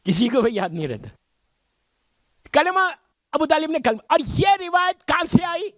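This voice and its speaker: High-voiced emphatic middle-aged preacher man. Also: sing-song, a bit bright, no room sound, clean studio sound. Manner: emphatic preaching with rhetorical questions. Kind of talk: majlis sermon.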